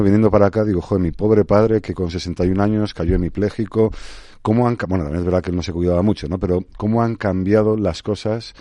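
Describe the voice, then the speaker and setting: Older spanish guy in his 60s on the radio, super low mellow voice, kinda hesitant, thinking out loud. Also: dry recording. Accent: Spain Spanish. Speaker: guest, advertising expert. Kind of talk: radio interview. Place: radio studio.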